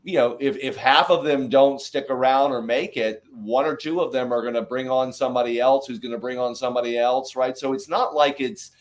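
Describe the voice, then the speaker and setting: A man's voice: medium pitch, brisk, hardly any pauses. A man hosting a casual interview, talking with energy and rambling through many fillers and restarts. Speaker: podcast host.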